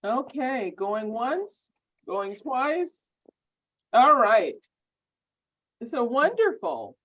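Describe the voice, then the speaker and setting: A woman giving welcoming remarks at an online orientation on a video call, halting with many ums and repeated words. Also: fairly high pitch, very animated. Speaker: law school program administrator. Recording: muffled video-call audio.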